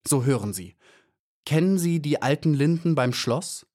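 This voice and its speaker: A man's voice: fairly high pitch, lively intonation, normal speed, a little mellow, voice pushed up. A man voicing a small brave young bee girl. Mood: firm. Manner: timid yet firm.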